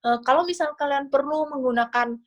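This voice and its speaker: A woman's voice: high-pitched, fairly quick, highs cut off. Chatty woman coaching on a video call. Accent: Indonesian. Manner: casual, chatty explaining with fillers. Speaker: scholarship interview coach. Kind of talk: online class talk.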